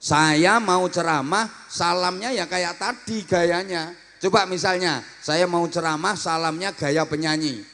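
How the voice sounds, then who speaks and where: Joking preacher in an echoing hall. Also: male voice, high-pitched, measured pace, creaky. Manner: lively, acts out greetings in many voices, teasing the audience. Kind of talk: humorous Islamic sermon. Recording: long hall reverb.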